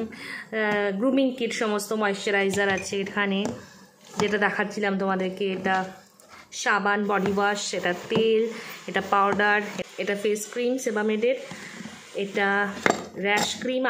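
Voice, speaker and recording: A young woman from West Bengal, India, chats casually with her viewers while showing off her home and daily routine. Her medium-pitched voice comes through over a noisy background in this relaxed home vlog.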